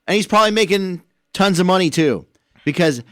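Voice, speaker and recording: A man's voice: sits high, expressive, a little fast, a bit bright, dry recording, clean studio sound. A man co-hosting a radio station podcast, chatting casually and rambling with repeated words. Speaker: podcast co-host. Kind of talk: casual chat.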